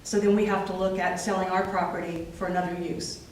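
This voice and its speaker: A woman's voice: lowish voice, flat delivery, fairly quick. Give me a firm, polite woman making a statement. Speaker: golf club owner giving a statement. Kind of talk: public comment at a hearing. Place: township meeting room. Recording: echoey hall from far off with loud noise.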